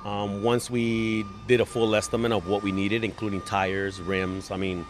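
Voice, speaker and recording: A man's voice: lowish voice, level tone, normal speed, background noise. A man who manages an auto body team, speaking in an interview and stammering over repeated words.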